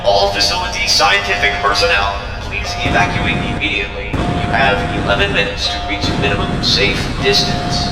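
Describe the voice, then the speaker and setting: A male synthetic voice playing a facility computer, reading clipped system alerts over a loudspeaker. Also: on the low side, fairly even intonation, normal speed, long pauses. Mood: flat. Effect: facility loudspeaker announcement. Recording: echoey distant loudspeaker over loud music.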